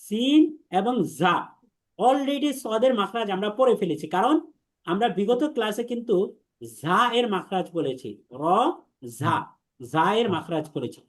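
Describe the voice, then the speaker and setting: A man teaching an online class on Arabic letters, patiently repeating each letter sound slowly and leading the class in drills. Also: sits high, animated. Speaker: Quran teacher.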